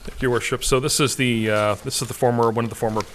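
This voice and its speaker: A man's voice: mid-range voice, steady tone, fast talker, fairly bright tone, slight background noise. A man from the municipal staff reporting to a council meeting, hesitant and full of fillers. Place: council chamber.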